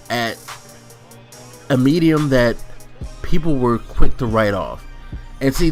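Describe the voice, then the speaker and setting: A middle-aged man giving a casual, slangy back-in-my-day old-man rant to his online viewers, grumbling and exasperated. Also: fairly low pitch. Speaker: online video ranter. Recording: music playing under the voice. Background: background music.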